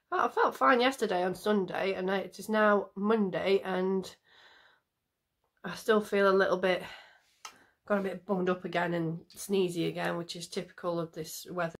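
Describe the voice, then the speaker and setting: A mother doing a casual makeup tutorial speaks in a low-leaning voice with fairly even intonation at a moderate pace. She sounds nasal and blocked up from a cold, rambling on camera with frequent ums as she does her makeup.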